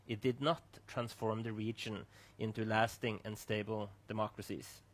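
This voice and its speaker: A man's voice: lowish voice, little pitch movement, normal speed. A man hosting a streamed discussion, giving a formal, scripted introduction with small restarts. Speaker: host. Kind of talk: moderating a panel talk. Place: online streamed event.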